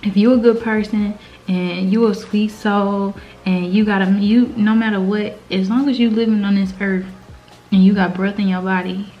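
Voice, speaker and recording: A woman's voice: medium pitch, steady tone, normal speed, soft background music. The recording is slightly muffled and lo-fi. An American woman chats casually as a mukbang host, giving earnest advice in slangy, informal speech. She talks as if to close girlfriends while eating. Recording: slightly dull, lo-fi sound.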